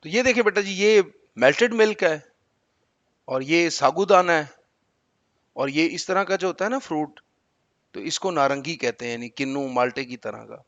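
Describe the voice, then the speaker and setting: Male teacher walking students through a reading lesson; patient, explaining each word; high voice, muffled sound. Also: lively intonation, a bit bright, dry recording.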